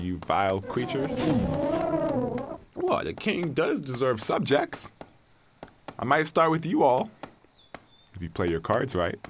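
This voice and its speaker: A man's voice: medium pitch, a little hiss or hum, close to an everyday voice. A man playing a stranded castaway who jokes about being king, talking in a wry, self-mocking way to his helpers. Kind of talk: audio drama acting.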